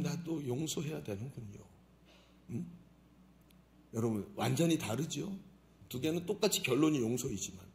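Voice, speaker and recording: A male pastor in middle age preaches with a wide, lively pitch range and a slightly high voice. His tone is gravelly. He jumps between loud exclamations and near-whispered asides as he acts out voices. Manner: animated preaching, acts out voices of God and believers, swings from loud to hushed. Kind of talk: sermon.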